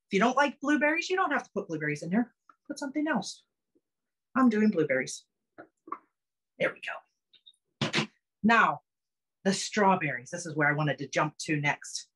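A woman's voice: medium pitch, a bit bright, slightly rough. Chatty woman demoing a home recipe. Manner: chatty, upbeat, step-by-step explaining. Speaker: cooking demonstrator. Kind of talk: casual cooking demo on a video call. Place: home kitchen, indoors. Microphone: phone camera close up.

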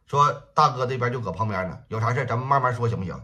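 A man's voice: mid-range voice, animated, very fast, pushed and bright. A man voicing a harried club manager, pleading to talk things over. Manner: pleading, conciliatory. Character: beleaguered club manager, adult man, placating.

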